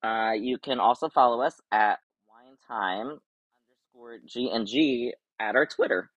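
A man's voice: mid-range voice, a little slow, no echo, dull audio. Dry-sounding male podcast co-host. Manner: relaxed, reads show sign-offs. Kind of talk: casual podcast chat.

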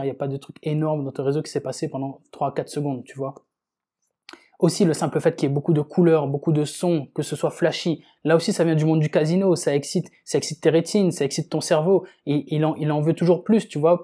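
Podcast host, casual self-help monologue, warm dark tone, repeats words for emphasis. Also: medium pitch, husky. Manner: informal, talks directly to the listener, repeats words for emphasis.

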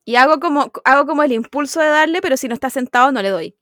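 A woman's voice: high-pitched, quick pace, fairly bright tone, no room sound, studio quality. A young Chilean woman co-hosting a podcast, chatty and giggly with self-mocking humor. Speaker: podcast co-host. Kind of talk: casual chat.

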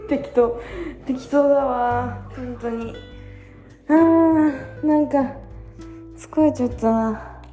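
A tired young woman in her twenties chatting casually on her own, self-mocking and acting out quotes in a higher voice. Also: drawn-out words, pauses often, echoey room. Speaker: vlogger. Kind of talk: casual solo chat. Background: soft guitar music.

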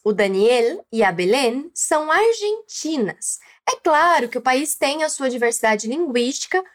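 A woman with a Brazilian Portuguese accent hosting a language lesson podcast, encouraging the listener to repeat after her. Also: sits high. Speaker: Spanish teacher and podcast host.

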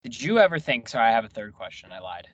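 A man's voice: medium pitch, very animated, quick pace, a bit bright, no echo. A man hosting a casual sports radio chat, wry and teasing, talking a lot. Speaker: radio show host. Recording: muffled lo-fi audio.

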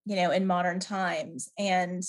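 Thoughtful woman, slightly low voice. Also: steady tone, measured pace. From Canada. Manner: thoughtful, hesitant with fillers. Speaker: guest. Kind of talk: podcast interview.

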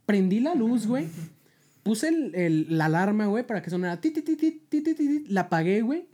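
Slangy young Mexican woman, mellow voice. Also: mid-range voice, big pitch swings, fairly quick. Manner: slangy storytelling, laughing often. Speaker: podcast host. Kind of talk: casual chat.

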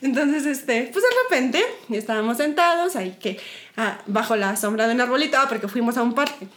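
Young woman, Mexican accent, high voice, animated, giggly storyteller. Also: a little fast, slight background noise. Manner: animated, giggly, acts out her own quotes. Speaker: podcast co-host. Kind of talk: casual storytelling chat.

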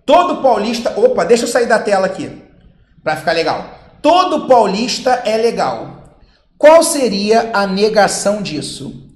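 A man with a Brazilian Portuguese accent teaching logic to exam candidates, lively and acting out students' questions. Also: sits high, measured pace, roomy sound. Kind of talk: logic lesson with on-screen board.

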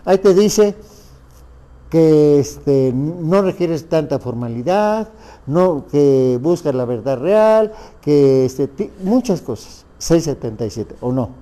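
A man's voice: fairly high pitch, lively intonation, slow pace, dark tone. A man with a Mexican Spanish accent giving a lecture on family law, asking the audience rhetorical questions.

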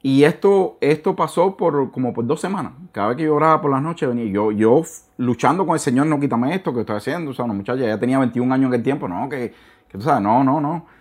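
Fast-talking man telling a church story. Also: mid-range voice. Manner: animated storytelling with many restarts and repetitions; mixes in English words. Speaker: interview guest. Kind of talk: casual testimony interview.

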